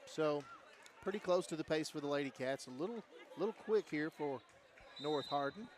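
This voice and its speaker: A man giving relaxed, analytical basketball color commentary with frequent fillers. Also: on the high side, normal speed, slight background noise.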